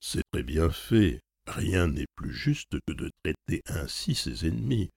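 A shrewd, loyal manservant who never loses his head, read by a man. His voice is deep, dark and husky, with lively intonation. He pleads his case in calm, reasoned sentences. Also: unhurried, dry recording, studio quality, heavily acted. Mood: persuasive. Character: shrewd loyal male servant, calm and persuasive.

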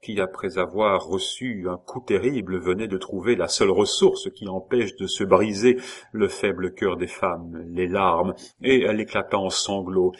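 A man narrating a classic novel in a measured, expressive reading. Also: low voice, husky. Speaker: audiobook narrator.

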